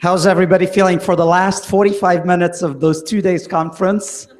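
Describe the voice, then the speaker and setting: A man's voice: sits high, fairly even intonation, brisk, darkish tone. A man giving a conference closing talk, with many ums and uhs. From Lebanon. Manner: hesitant, frequent ums and uhs. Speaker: conference speaker.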